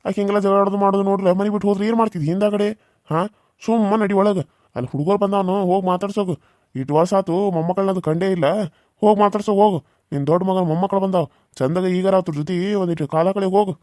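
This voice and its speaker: An older village father figure from a cartoon serial who coaxes the family toward calm, voiced by a man. He speaks with a North Karnataka accent. His voice sits high and quick, recorded dry. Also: dry recording, lightly acted. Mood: coaxing. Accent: North Karnataka Kannada. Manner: coaxing, fatherly.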